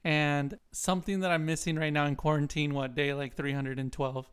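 A young man with a smooth, resonant voice, pitched a touch higher than most men. He chats casually and jokes around with a friend, telling stories with playful exaggeration. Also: moderate pace. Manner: joking, animated storyteller who puts on a squeaky kid voice. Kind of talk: casual chat.

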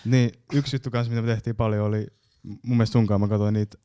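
A man's voice: on the low side, flat delivery, dark tone, clean tone, no room sound. A man co-hosting a podcast, bantering in a joking, slangy way at a studio mic. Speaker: podcast co-host. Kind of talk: casual podcast chat.

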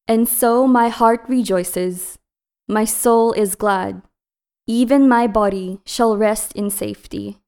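A woman gives a liturgical reading with a smooth, clear voice. She takes her time, phrasing each line carefully and solemnly at a medium pitch. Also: slow pace, darkish tone. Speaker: scripture reader. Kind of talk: liturgical scripture and psalm reading.

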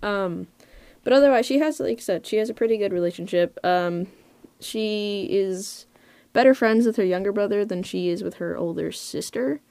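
A female voice actor discusses her role in a relaxed interview, hesitant and thinking things through while speaking. Her mid-range voice is creaky and somewhat dark, moving at a moderate pace, with no room sound.

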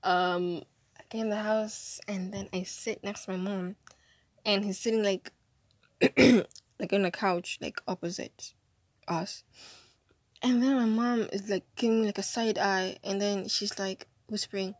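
A woman's voice: mid-range voice, steady tone, a little slow, no room sound. Drowsy hungover young woman telling a story. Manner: chatty, dramatic, acts out quotes. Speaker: storyteller vlogger. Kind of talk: casual storytime monologue.

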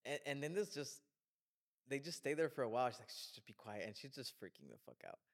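A man in a casual chat, excitedly recapping a horror film scene by scene, swearing often and acting out the characters' lines. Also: medium pitch, fast. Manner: excitable, profane, acts out scenes. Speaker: film discussion podcast co-host.

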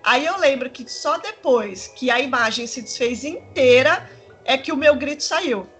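A woman, telling a personal story in casual chat, rambling and animated with many fillers. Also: high-pitched, a little slow, soft background music. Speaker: storyteller in a conversation.

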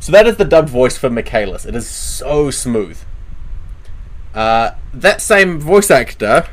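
Male host, mid-pitched voice, casual and opinionated conversational delivery with emphatic points. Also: big pitch swings, measured pace. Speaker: show host. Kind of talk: casual opinionated chat about anime dubs.

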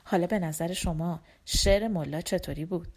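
A woman narrating a children's folk tale audiobook in an expressive, animated storytelling manner. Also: on the low side.

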